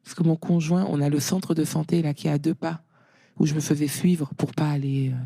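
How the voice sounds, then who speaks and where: A middle-aged woman guest talking casually in an interview, a lively storyteller whose voice rises when she quotes others. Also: low voice, fairly quick, vocal fry. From France.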